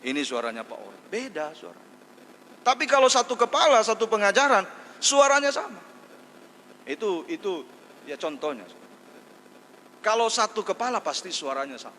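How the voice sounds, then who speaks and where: A man's voice: sits high, expressive, moderate pace, pauses often, bright, forceful tone. Emphatic male pastor in a reverberant hall. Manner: emphatic preaching, repeats key phrases. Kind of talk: sermon. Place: church hall. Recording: long hall reverb, faint noise.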